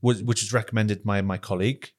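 A man's voice: lowish voice, steady tone, quick pace. A man co-hosting a film podcast, chatting casually and laughing as he recaps horror films. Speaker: podcast co-host.

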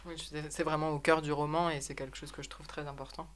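A woman interprets interview answers consecutively, pausing to search for words and correcting herself as she goes. Her voice sits very low for a woman. She speaks in an even, flat line. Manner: hesitant, many euhs and self-corrections.

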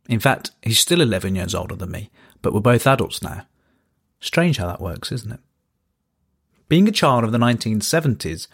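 A man's voice: lowish voice, husky. A man in his thirties from Birmingham, hosting a podcast and reading his own story with dry, wry understatement. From Birmingham, England. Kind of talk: scripted first-person storytelling.

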